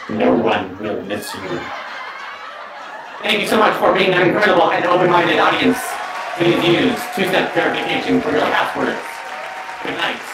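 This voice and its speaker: A man performing standup as a smug male comedy robot, with a deadpan, mock-mechanical delivery and snide asides. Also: a little high, normal speed, gravelly, a crowd in the background, background noise. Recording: roomy sound from a distance.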